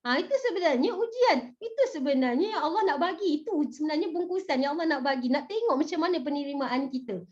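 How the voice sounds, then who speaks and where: A woman giving a religious motivational talk, animated and chatty, often asking her audience questions. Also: high-pitched, quick pace, hardly any pauses. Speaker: motivational speaker. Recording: dull, muffled recording.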